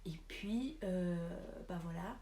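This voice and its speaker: A woman's voice: fairly low pitch, takes it slowly, warm tone. A young woman making a casual vlog tutorial, chatting with lots of hesitant fillers. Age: young adult. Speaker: pet vlogger.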